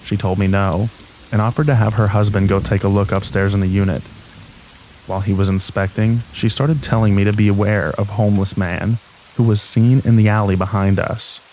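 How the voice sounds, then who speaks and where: A man with a fairly low voice narrates scripted scary stories as a sleep aid. His delivery is calm and steady. A soft bed of falling rain runs faintly behind him. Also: a little fast, a little hiss or hum, poor audio. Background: rain ambience.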